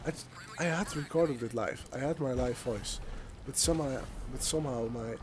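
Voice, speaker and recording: At medium pitch and normal speed, a young Dutch man comments in accented, second-language English over his gameplay footage. As a gaming YouTuber, he rambles, hesitates, and restarts often, with gunfire and game noise in the background.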